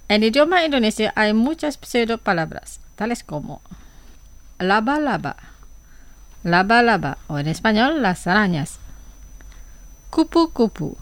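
A woman presenting a scripted radio language lesson, speaking slowly and carefully and saying each word twice. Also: mid-range voice, no room sound.

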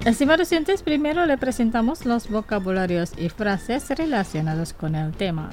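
A woman hosting a radio language lesson, speaking slowly and deliberately and saying each word twice for listeners to repeat. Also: a little high, lively intonation, darkish tone, faint music behind.

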